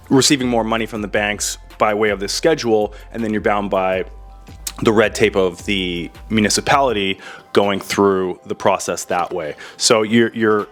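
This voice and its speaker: A man's voice: fairly low pitch, a bit bright. A man co-hosting as a realtor, explaining things in casual chat with fillers and self-corrections. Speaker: realtor co-host.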